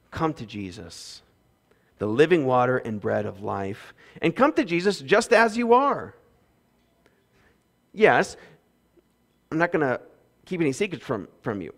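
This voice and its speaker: A man in his thirties preaching a sermon on a church stage through a headset mic, swinging between loud emphasis and quiet asides. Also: a little high. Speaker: pastor. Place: church stage with windows behind.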